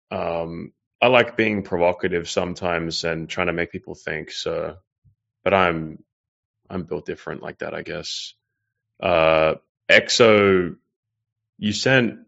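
Low and gravelly with a bit of brightness, this man's voice comes through slightly muffled stream audio as he reads super chats during a casual livestream. He rambles loosely, swearing often and using lots of fillers.

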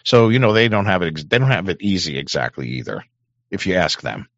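Host, middle-aged man, extremely low, hoarse voice, rambling profane monologue on a dry, dull-sounding studio mic. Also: sing-song, a little fast, a bit bright, no room sound. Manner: rambling, profane, frequent throat-clearing. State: hoarse throat. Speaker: show host. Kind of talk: casual on-air monologue. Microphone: studio microphone.

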